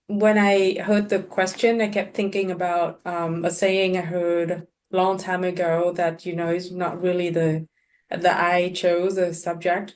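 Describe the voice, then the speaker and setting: Woman from Vietnam, native Vietnamese speaker, scholar panelist, lowish voice, halting delivery, video-call mic. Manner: hesitant, many fillers and restarts. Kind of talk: webinar panel talk.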